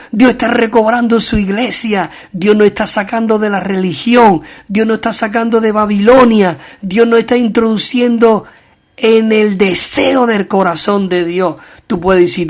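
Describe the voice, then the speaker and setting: A man with a Spanish accent delivers a fervent sermon. His voice sits a little high, and he alternates between reading scripture and urging his listeners on. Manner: fervent, calls out to the brethren, reads scripture aloud. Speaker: preacher.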